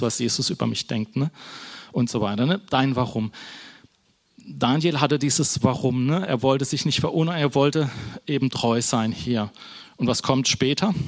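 A man's voice: medium pitch, creaky. A man giving an informal sermon in a church hall, conversational, tagging nearly every phrase with a questioning "ne?" and often restarting and correcting himself. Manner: conversational, keeps adding a questioning "ne?"; false starts and self-corrections. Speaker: preacher.

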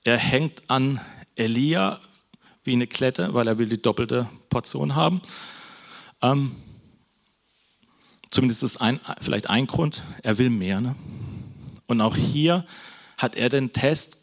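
Male preacher, gravelly voice, chatty sermon style, keeps checking in with the congregation. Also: medium pitch, slow, long pauses. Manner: conversational, frequent "ne?" tags. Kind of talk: casual sermon.

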